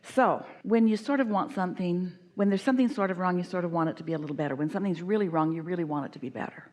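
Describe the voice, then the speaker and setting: A woman speaks in an emphatic teaching cadence, as if channeling a group, and repeats her key phrases for weight. Her voice sits a little low for a woman. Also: rapid-fire, a little mellow. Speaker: spiritual speaker answering a guest. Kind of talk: channeled teaching in a live workshop.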